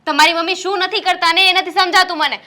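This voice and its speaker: A young wife who has had enough of her in-laws. Her voice sits very high and bright, and she rattles off her grievances at speed. Her tone is heated and sharp. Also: steady tone. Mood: angry, fed up. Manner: heated, rapid complaining. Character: young wife fed up with her mother-in-law. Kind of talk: Gujarati short film acting.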